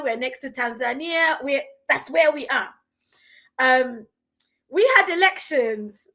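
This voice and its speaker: A woman's voice: high-pitched, pushed and bright. A woman, speaking as a podcast guest in a passionate, indignant, emphatic rant. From Uganda. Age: 40s.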